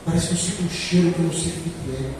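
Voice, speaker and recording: Pastor, man in his 40s, emphatic sermon delivery, high voice with long echo. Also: steady tone, very fast, background noise. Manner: emphatic preaching, swings from quiet to loud. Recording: echoey hall from far off.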